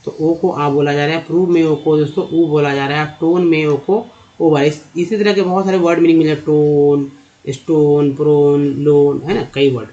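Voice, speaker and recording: A man teaching English pronunciation to viewers in Hindi, calling them friends and repeating sounds slowly to drill them. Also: on the high side, fairly even intonation, warm tone. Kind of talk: explaining to viewers. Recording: dull lo-fi sound.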